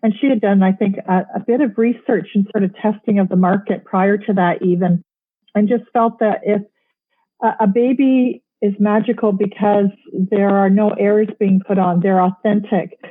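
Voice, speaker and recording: A woman's voice: medium pitch, steady tone, moderate pace. A woman speaking for a program, giving explanatory interview answers with small restarts. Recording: tinny phone-like line.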